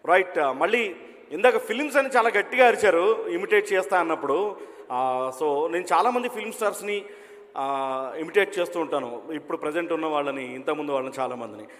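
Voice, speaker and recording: A man's voice: a little high, expressive, brisk, a bit bright. A man doing stand-up comedy as a mimicry entertainer, chatty and telling anecdotes while quizzing the crowd. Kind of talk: stand-up comedy with audience interaction. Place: event hall. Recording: long reverb of an event hall.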